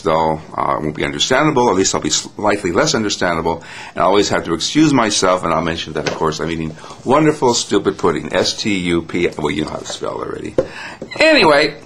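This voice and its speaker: A man's voice: low-pitched, a bit bright, slight background noise. A man hosting a comic monologue, acting out one-sided phone calls in a stammering, fussy, overly polite way. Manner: stammering, restarts often, polite but fussy. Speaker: comedic host. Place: indoor home studio in front of a green screen.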